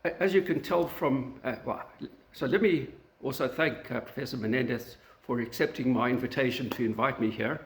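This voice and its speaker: South African man lecturing, halting. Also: mid-range voice. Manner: halting, many fillers and restarts. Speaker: guest lecturer. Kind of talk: academic lecture. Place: university meeting room. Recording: echoey lecture room recording.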